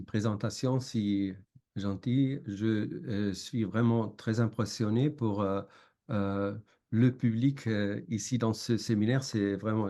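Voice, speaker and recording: Slow, halting man with a foreign accent. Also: lowish voice, dark tone. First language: not French. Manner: halting, hesitant with frequent long fillers. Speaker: academic lecturer. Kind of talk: academic seminar presentation.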